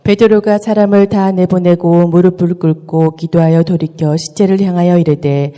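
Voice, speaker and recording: A woman from the congregation reading Bible verses aloud in a steady, even way. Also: fairly low pitch, moderate pace, long reverb tail.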